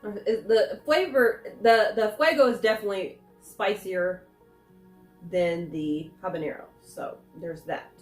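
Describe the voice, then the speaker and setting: A woman with a mid-pitched voice gives a casual snack review, rambling and thinking aloud between tastes. The room adds a clear echo to her voice, and music plays faintly behind her. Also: unhurried. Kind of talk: casual chat, food taste test.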